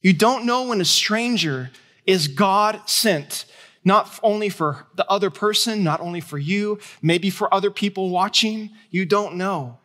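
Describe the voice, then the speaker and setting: Bright-voiced preaching pastor. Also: male voice, sits high, unhurried. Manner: storytelling with quoted dialogue and laughs; emphatic preaching. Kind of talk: sermon.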